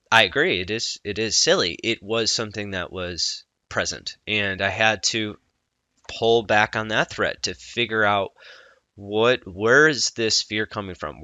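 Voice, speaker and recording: A man speaking as a coach in a personal vlog, earnest and reflective, often halting mid-thought. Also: on the low side, bright, forceful tone, no echo.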